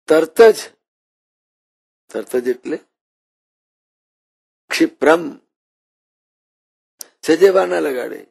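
A man giving a devotional sermon, telling stories with quoted voices and reciting verses, his loudness swinging widely. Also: mid-range voice. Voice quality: gravelly, husky voice. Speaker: preacher.

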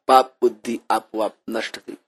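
A man giving a devotional sermon, telling stories with quoted voices and reciting verses, his loudness swinging widely. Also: on the low side, level tone, normal speed. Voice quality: gravelly, husky voice. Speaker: preacher.

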